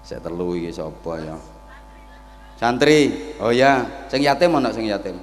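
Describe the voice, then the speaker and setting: Slow-talking male preacher. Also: lowish voice. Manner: joking, lively storytelling to the crowd. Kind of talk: humorous village sermon. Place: village religious gathering. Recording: reverberant PA with faint noise.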